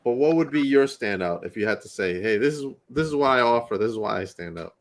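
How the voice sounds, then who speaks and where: A man hosts a casual podcast interview, laughing often and repeating himself, his voice stuffed up and nasal from allergies. It's on the low side, expressive and fast.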